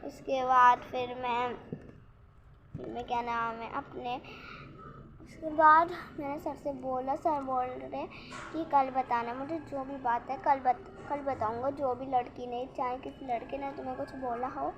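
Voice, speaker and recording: Young female vlogger, high-pitched, rambling excitable storyteller, noisy room. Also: measured pace. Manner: rambling, restarts often, excitable retelling. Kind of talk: casual storytelling vlog.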